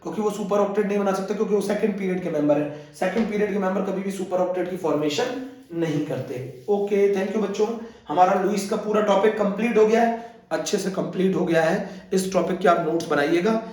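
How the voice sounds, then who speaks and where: High-voiced male chemistry teacher, echoey. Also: brisk, a little mellow. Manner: repeats questions and has students answer. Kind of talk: classroom lecture. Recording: echoey room, mic far off.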